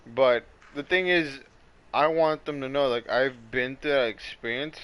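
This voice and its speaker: A man's voice: medium pitch, unhurried, a bit bright, clear, resonant tone, poor audio. A young man hosting a casual podcast, talking earnestly and defensively, often trailing off and restarting. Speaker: podcast host. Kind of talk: casual chat.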